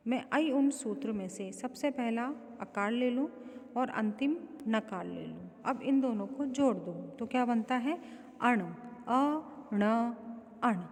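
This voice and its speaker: Slow, deliberate woman teacher in echo. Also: a little high, a little mellow. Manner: slow, deliberate, spells out syllables one by one; addresses students directly. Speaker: Sanskrit teacher. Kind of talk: recorded grammar lecture. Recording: long reverberant room echo.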